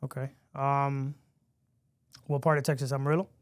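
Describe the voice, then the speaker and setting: A man's voice: mid-range voice, level tone, normal speed, dry recording, clean studio sound. A man hosting a podcast interview in casual chat, easygoing and chatty with frequent restarts and laughs. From lives in Miami. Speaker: podcast host.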